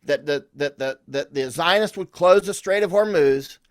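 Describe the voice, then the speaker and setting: A man's voice: fairly high pitch, moderate pace, dry recording, clean studio sound. A man speaking as a podcast guest, telling rambling, anecdotal stories with restarts and confident, emphatic declarations. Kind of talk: conversational interview storytelling.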